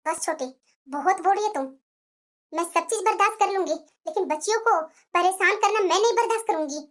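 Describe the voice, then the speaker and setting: A woman's voice: very high voice, fairly quick, a bit bright, pitched below the performer's own voice. Woman voicing a caring elder daughter-in-law. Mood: stern. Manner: earnest, scolding, soothing. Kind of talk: animated story voice acting.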